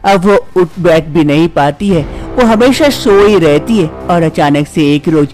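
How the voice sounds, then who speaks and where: A man narrates a cartoon story in a high voice, keeping his delivery plain and even. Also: measured pace, faint music behind.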